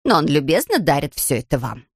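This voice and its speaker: A no-nonsense older housekeeper, played by a woman reader, speaks in clipped, stern phrases. Her voice sits slightly low and sounds dry and close. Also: very animated, brisk, breathy edge, no room sound, exaggerated voice.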